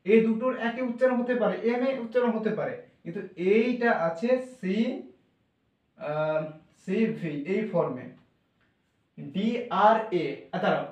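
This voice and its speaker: A man's voice: high-pitched, animated, normal speed, darkish tone, muffled recording. A man teaching English pronunciation in a classroom style, patiently repeating words and sounding out letters one by one. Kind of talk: classroom explanation. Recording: echoey room from far off.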